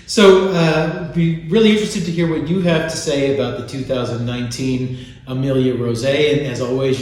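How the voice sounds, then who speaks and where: A man's voice: medium pitch, darkish tone, slightly rough. A man hosting a wine tasting, explaining in an informative, conversational way and often checking for agreement. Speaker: host and presenter of a wine tasting. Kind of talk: informative product presentation with casual tasting chat.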